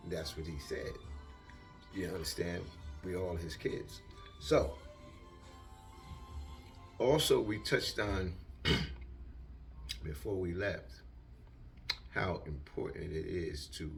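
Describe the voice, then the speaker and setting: A man's voice: low voice, gravelly. An older retired man telling a long casual story in a rambling way, acting out what people said. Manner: rambling, animated, acts out quotes.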